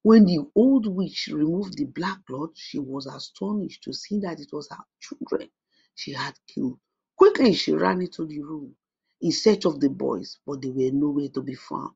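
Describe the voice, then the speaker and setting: A storyteller reading a folk tale aloud in a steady, measured way on a dull lo-fi recording. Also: medium pitch, gravelly, breathy edge. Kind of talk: storybook narration.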